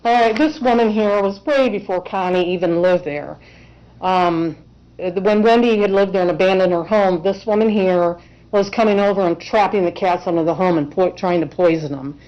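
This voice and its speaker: A woman's voice: on the low side, normal speed, a little mellow. Emotional woman testifying in court. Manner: emotional, earnest, insistent. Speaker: self-represented respondent in court. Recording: dull lo-fi courtroom recording.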